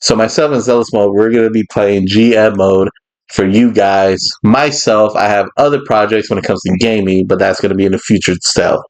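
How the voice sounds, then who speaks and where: A man's voice: fairly low pitch, fairly even intonation, brisk, poor audio. A man hosting a podcast in casual chat, rambling and laughing often. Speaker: podcast host.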